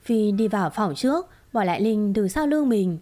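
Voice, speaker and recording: A woman reading a romance drama story aloud in a steady, dramatic storytelling manner. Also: medium pitch, moderate pace. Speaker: narrator. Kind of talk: scripted story narration.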